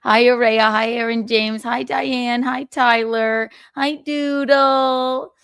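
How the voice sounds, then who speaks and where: A woman's voice: fairly high pitch, little pitch movement, slow, gravelly, a bit bright, smooth, no echo, clean studio sound. A woman hosting a casual gossip livestream, chatting in a sassy, theatrical, giggly way. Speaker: live stream host.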